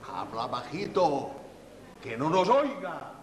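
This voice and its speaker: A man playing an excitable, secretive slave creature in a theatrical comic dialogue, with drawn-out, exclamatory delivery. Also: on the high side. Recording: very echoey hall, background noise.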